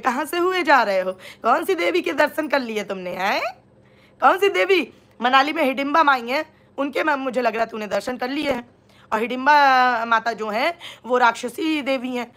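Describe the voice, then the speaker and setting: High-voiced woman ranting sarcastically. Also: a bit bright. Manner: scolding, sarcastic, rhetorical questions. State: sore throat. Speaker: reaction vlogger. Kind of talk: live-stream reaction rant.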